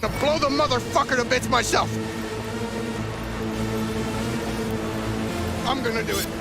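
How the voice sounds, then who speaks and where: A man's voice: very high-pitched, quick pace, loud music behind the voice. An actor playing a vengeful, agitated man out to hire a killer in a video game, intense and profane, barking orders. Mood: frantic rage.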